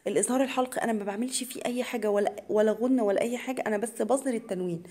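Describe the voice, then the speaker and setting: A woman with an Egyptian accent teaching tajweed to beginners. She explains each rule in quick colloquial speech, then recites the words slowly and drawn out. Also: a little high, dark tone. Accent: Egyptian Arabic.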